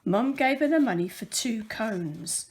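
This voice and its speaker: A volunteer storyteller reads a children's picture book aloud, giving the words careful, expressive emphasis. Her voice is a little high, and she keeps a measured pace.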